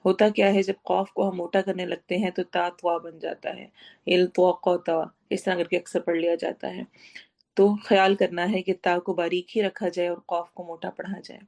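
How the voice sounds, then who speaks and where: A woman teaching a Quran tajweed lesson, reciting slowly and then explaining each sound step by step. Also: fairly low pitch, vocal fry. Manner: slow drawn-out recitation, then steady explaining.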